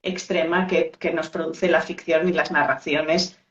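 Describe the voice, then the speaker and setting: A woman's voice: sits low, steady tone, a little slow. A woman co-hosting a casual chat about storytelling over a video call, playful and ironic. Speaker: co-host. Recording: echoey, muffled call audio.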